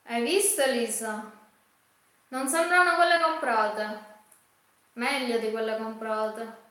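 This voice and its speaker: Female live-stream host, bright forceful voice, unhurried halting chat, heavily echoing room. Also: a little high. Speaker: cooking livestream host. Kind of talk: casual live chat with viewers. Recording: very echoey room.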